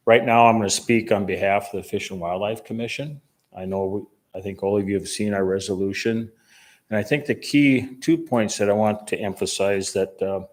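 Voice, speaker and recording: Deep-voiced older man testifying. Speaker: fish and wildlife commissioner. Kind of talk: public testimony at a meeting.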